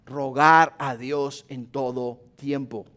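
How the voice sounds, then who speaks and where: A male pastor preaching a sermon to his congregation, whose voice climbs and grows louder on repeated pleas before dropping back low and quiet. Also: steady tone, takes it slowly. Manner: impassioned preaching, rising in pitch and volume on repeated pleas; addresses the congregation as brothers and sisters.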